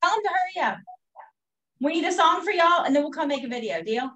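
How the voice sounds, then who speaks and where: A woman talks high and lively on a casual group call. Her voice sounds bright and forward. She is animated and encouraging. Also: quick pace.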